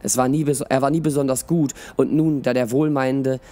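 A man's voice: mid-range voice, fairly even intonation, a little fast, dark tone, voice pushed up, close to an everyday voice. A man voicing a cheerful, plump older woman necromancer in a read-aloud storybook, with a sweet, cooing manner. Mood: soothing.

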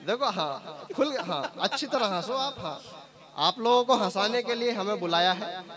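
High-pitched man joking on stage. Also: normal speed. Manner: chatty, teasing, keeps assuring the audience he is telling the truth. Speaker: stand-up poet. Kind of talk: live comic poetry stage patter. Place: poetry gathering stage before a live audience. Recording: lively crowd reacting behind.

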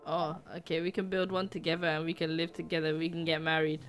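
A man's voice: fairly high pitch, monotone, fast, fairly bright tone, soft background music, voice pushed down. Man doing a voice-changed little boy. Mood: cheeky. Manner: prank caller, playing dumb. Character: young boy gamer asking for help, naive. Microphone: different, worse mic. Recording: distant, muffled mic.

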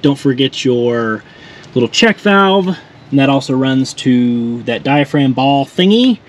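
Speaking slowly in a mid-range voice, with slight background noise, a vlogger casually guides viewers through his car build. Moving between a garage and the inside of a truck, he explains each step while working and jokes self-deprecatingly about his mistakes.

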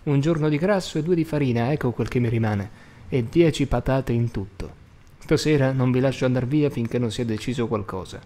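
A man's voice: mid-range voice, fairly quick, mellow, lightly acted. A man voicing a worn-out, stern mother of a poor family in an audiobook, speaking firmly and insistently. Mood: worried. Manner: firm, insistent.

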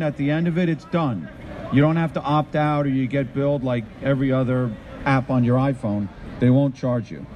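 A man's voice: a little high, darkish tone. A middle-aged man giving a live tech talk on a trade show floor into a handheld mic, upbeat and quizzing the audience. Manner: upbeat, addresses the crowd with questions. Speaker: conference presenter. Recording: faint show-floor noise.

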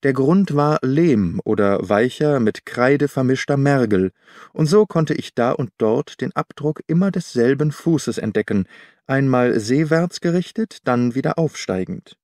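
A man narrates an audiobook in measured, formal literary storytelling. His medium-pitched voice is expressive with a darkish tone, and the recording is very dry and close with no room sound.

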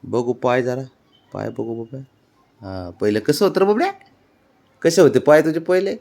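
A man's voice: medium pitch, normal speed, creaky, warm tone. A man chatting with his pet cat in a doting, coaxing way and asking it the same questions again and again. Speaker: cat owner. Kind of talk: casual talk to a pet cat.

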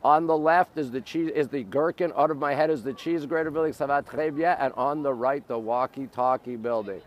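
A middle-aged man from Montreal hosts a live stream outdoors by the river, showing off the city in quick, repetitive exclamations. His North American-accented voice is on the high side and fairly quick.

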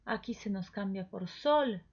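A woman teaching pronunciation, repeating each word slowly and coaxing the listener to say it back. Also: medium pitch, a little mellow, slightly rough. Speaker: language teacher. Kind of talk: slow pronunciation lesson. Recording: dull lo-fi recording.

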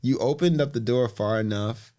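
A man's voice: medium pitch, normal speed, mellow. A man as podcast guest, talking emphatically with repeated phrases and casual swearing. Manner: emphatic, repetitive, swears freely, acts out quotes. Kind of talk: casual conversation.

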